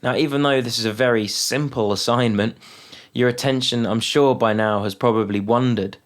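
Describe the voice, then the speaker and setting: Leading a guided mindfulness session, a medium-pitched male voice speaks slowly and calmly, with long silences separating each phrase.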